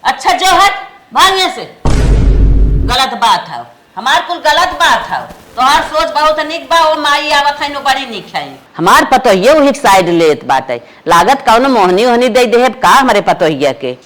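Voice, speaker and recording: A woman with an Awadhi accent acting a spiteful, sharp-tongued village stepmother in a family comedy skit. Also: high voice, expressive, normal speed. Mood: grumbling. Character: harsh, spiteful village stepmother, middle-aged.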